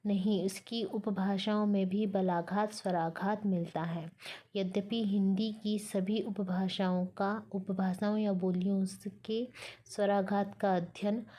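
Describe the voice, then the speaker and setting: A woman lecturer reads a textbook aloud in a slow, deliberate way. Her voice stays level, with little rise or fall, and has a soft, mellow tone. She stops now and then to break words into pieces and explain how they are written. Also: medium pitch, fairly even intonation. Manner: slow, careful reading, breaking words apart to explain spelling.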